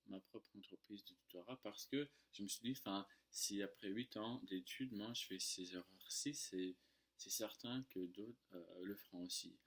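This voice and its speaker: A man's voice: lowish voice, normal speed, fairly bright tone. An American man, a native English speaker, tells things casually in non-native French, hesitating and making small grammar slips. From United States. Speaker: French tutor and online video creator. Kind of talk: casual storytelling to camera.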